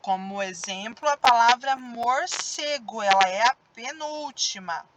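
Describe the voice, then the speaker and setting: Slow, careful Brazilian woman teacher. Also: fairly high pitch, fairly bright tone, slight background noise, rough recording. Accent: Brazilian Portuguese. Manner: slow, drawn-out stressed syllables when demonstrating words. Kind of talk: recorded grammar lesson for children.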